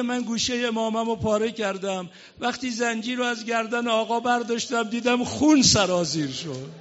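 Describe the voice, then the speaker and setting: A man preaching a mourning sermon in a hall, telling the story with growing passion and ending in slow chanted elegy. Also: extremely high pitch, fairly bright tone, lo-fi sound. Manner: storytelling, rising to impassioned chanting.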